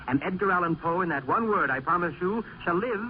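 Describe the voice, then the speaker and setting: A man's voice: high voice, lively intonation, brisk, over music. An actor playing a brooding, fervent male poet in an old-time radio drama, declaiming in a theatrical way. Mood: fervent, resolute. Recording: muffled, noisy vintage radio recording.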